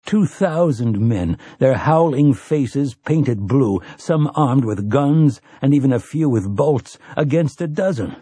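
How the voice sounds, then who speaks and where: A husky-voiced man reads a dark fantasy audiobook with measured, intense pacing. His mid-range voice sits close to the mic, completely dry with no room sound. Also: mid-range voice, animated, no echo. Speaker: audiobook narrator. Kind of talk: scripted dramatic narration.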